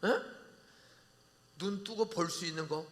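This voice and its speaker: An older man preaching a revival sermon, leading call-and-response and bantering bluntly with the congregation, with sudden shouted peaks. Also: sits high, unhurried. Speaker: pastor. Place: large church sanctuary. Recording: long church hall reverb.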